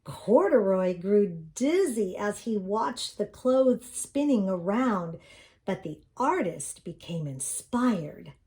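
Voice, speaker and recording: A woman's voice: mid-range voice, expressive, takes it slowly, mellow. A woman narrating a children's storybook as she reads it aloud. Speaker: storybook reader.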